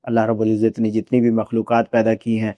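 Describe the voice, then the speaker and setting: A man who teaches Quran recitation, explaining pronunciation patiently on a podcast and demonstrating each sound by repeating it slowly. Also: on the low side, completely flat delivery, mellow, no echo. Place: podcast studio.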